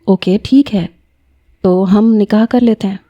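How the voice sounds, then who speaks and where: A woman voicing a calm, tender young male professor who speaks gently and reassuringly. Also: medium pitch, highs cut off, lightly acted. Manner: gentle, soothing.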